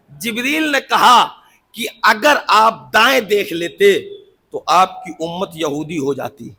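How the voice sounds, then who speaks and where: Cleric giving a majlis sermon, high gravelly voice, quiet asides that build to shouted peaks. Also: male voice, a little hiss or hum. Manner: swings between soft asides and loud shouted climaxes, jokes with the audience. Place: religious hall, live broadcast.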